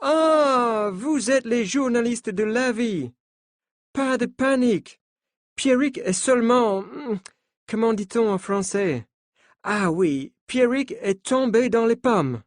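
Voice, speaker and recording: A man's voice: very high-pitched, expressive, takes it slowly, dry recording, pitched above the performer's own voice, heavily acted. A controlling American coach bustles in with a raised, bouncy voice and an American accent, insisting everything is fine. A man puts him on while reading a French learners' story. The sound is dry and close. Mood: reassuring. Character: pushy middle-aged American male sports coach.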